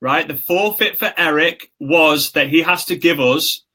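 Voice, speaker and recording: A young man hosting a live stream, excitable and salesy, joking with his guest and pitching offers to viewers. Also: measured pace. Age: young adult. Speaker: host. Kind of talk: casual live-stream chat.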